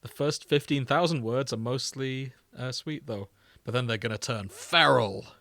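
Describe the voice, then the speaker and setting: A podcast co-host banters with playful mock indignation on a comedic show, chatting casually while reading out fan fiction tags. His mid-range voice is gravelly and fairly bright, at a normal speed.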